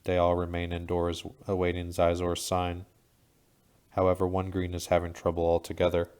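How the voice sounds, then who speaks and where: Deep, flat-voiced male narrator. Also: smooth. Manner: steady, even, measured reading. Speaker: audiobook narrator. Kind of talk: scripted audiobook narration.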